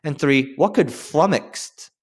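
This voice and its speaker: Fairly high in pitch but darkish in tone, a man speaks slowly while teaching students over a screen-share lesson. He guides them in a relaxed, directive manner, stressing key phrases and pausing to check in.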